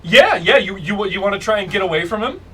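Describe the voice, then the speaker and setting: A man's voice: sits high, lively intonation, quick pace, a crowd in the background. A man improvising casual narration as game master of a tabletop role-playing game.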